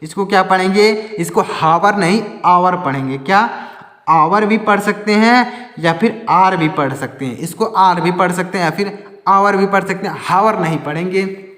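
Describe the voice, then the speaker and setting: A man's voice: high voice, normal speed, fairly bright tone. A man teaching English vocabulary in Hindi, repeating each word and quizzing the viewer, pointing at words on a board. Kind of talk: Hindi-language English lesson. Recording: echoey room with long reverb.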